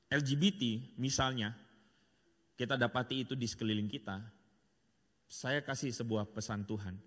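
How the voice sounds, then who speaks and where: A man's voice: mid-range voice, fairly bright tone. Earnest man speaking in a reverberant hall. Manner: earnest, direct, addresses audience as "saudara". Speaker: seminar speaker. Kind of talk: church seminar talk.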